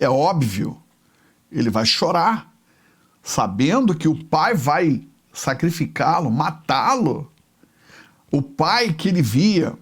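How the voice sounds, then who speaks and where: A man's voice: a little high, breathy edge. A man, a bishop, preaching a sermon as a dramatic, emotional retelling of a story. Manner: emotional, slow, dwelling on each phrase.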